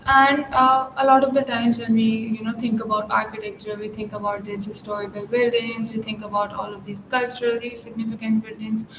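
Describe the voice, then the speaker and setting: A woman's voice: on the high side, flat delivery, brisk, few pauses. A woman hosting a podcast, asking long, winding interview questions. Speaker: podcast host. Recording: echoey, distant, noisy.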